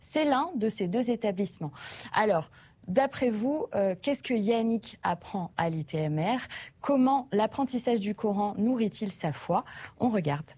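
A woman co-presenting a magazine show, introducing a filmed report in a lively, explanatory way. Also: mid-range voice, unhurried, breathy edge.

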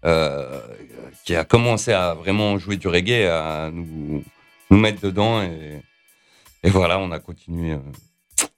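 Low voiced guy from the vosges, lots of euh, soft music behind. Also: slow. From Vosges, France. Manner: hesitant, many fillers. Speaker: label founder, musician. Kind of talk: casual interview answers.

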